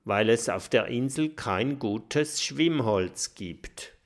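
A man voicing an excitable little male mole who warns and explains in an urgent way, in a storybook reading. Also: mid-range voice, slow pace. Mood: explaining. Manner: urgent, warning.

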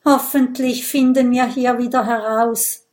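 An impatient young girl porcupine from a children's storybook, voiced by a woman. She grumbles and complains in a high, loud voice. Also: flat delivery, measured pace, close to an everyday voice. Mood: exasperated. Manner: complaining, exasperated.

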